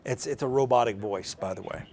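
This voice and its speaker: A man with a mid-range, somewhat dark voice talks a little quickly while running a live how-to demonstration. His step-by-step tutorial is informal and unscripted, and he explains each step plainly and conversationally as he shows it.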